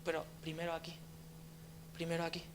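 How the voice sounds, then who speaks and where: A man's voice: on the high side, completely flat delivery, fairly quick, noisy background. A young man, preaching a conversational sermon as a deacon, telling his story with frequent tag questions and restarts.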